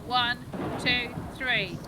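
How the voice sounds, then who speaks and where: A woman's voice: a little high, drawn-out words, heavy background noise. A woman playfully teasing friends and thanking her chat during a casual game stream. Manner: playful, teasing, sings silly bits. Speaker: streamer, co-host.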